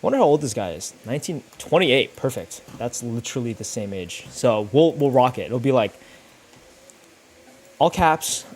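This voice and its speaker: Making thumbnails live for his YouTube audience, a young man chats and thinks out loud in rambling, slangy, sweary speech. His medium-pitched voice is animated and a little mellow with a breathy edge, at a moderate pace.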